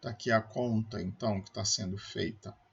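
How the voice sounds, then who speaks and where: A man's voice: fairly low pitch, steady tone, normal speed, vocal fry, breathy edge, muffled recording. A man with a Brazilian Portuguese accent, a math professor giving a recorded calculus lecture, explaining step by step and checking with his students as he goes.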